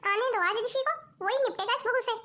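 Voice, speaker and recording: A woman's voice: extremely high pitch, a little fast, bright, forceful tone, soft background music. A woman voicing a domineering, stingy middle-aged mother-in-law in a cartoon, scolding and bossy. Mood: angry, scolding. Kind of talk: cartoon voice acting.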